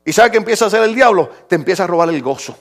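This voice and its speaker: Middle-aged male pastor, impassioned sermon delivery, high pitch with a rough, gravelly edge. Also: animated, very fast. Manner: impassioned preaching, swinging from shouts to quiet.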